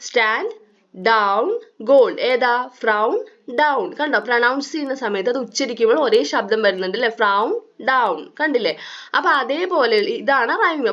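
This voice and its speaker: Woman tutor, Malayali accent, higher-pitched, question-and-answer teaching style, muffled lo-fi sound. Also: fairly bright tone. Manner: asks questions and answers them herself. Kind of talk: online tutorial explaining a textbook. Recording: dull lo-fi recording.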